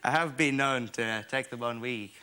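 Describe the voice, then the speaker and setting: A man's voice: medium pitch, moderate pace, pushed and bright, clean tone. A young man from Edinburgh with a Scottish accent, chatting jokily as a dating show contestant. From Edinburgh, Scotland. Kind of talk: jokey on-stage chat. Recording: noisy television studio.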